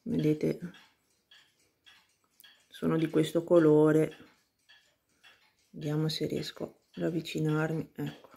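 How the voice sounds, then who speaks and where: A woman vlogging casually about her seedlings, pausing often to search for words as she films with a handheld phone. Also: low-pitched, monotone, creaky, dark tone, slightly rough. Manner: hesitant, searches for words, many fillers. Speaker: plant vlogger. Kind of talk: casual how-to chat.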